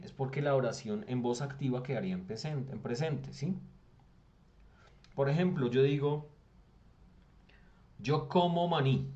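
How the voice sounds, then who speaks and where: A Colombian Spanish-accented man teaching a virtual class, with a mid-range voice. He explains patiently, checks in often with his students and slows down to read English examples aloud. The sound is slightly dull, like a computer mic on a video call. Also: mid-range voice, mellow. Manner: reads English text aloud slowly.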